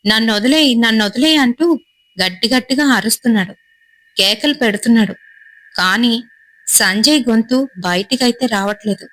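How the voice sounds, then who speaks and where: A woman's voice: on the high side, moderate pace, pauses often, low-quality recording. Woman telling a horror story. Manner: steady suspenseful storytelling, short phrases.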